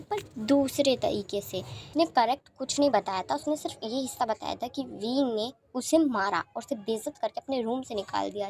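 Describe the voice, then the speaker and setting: A woman reading a fan-fiction story aloud in a steady, plain retelling. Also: on the high side, a little hiss or hum.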